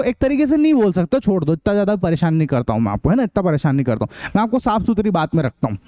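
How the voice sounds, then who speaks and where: A male science teacher with a high yet mellow voice, recorded in a dry, close room. He keeps repeating his points and asks questions that he answers himself. He checks in with his students again and again. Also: no echo. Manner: calls the listeners children, keeps checking with "ठीक है". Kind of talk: classroom lecture to students.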